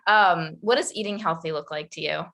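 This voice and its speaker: A woman's voice: lowish voice, a little fast, a bit bright. A woman hosting a podcast interview, asking easygoing questions with many fillers. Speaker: podcast host. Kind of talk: casual interview chat.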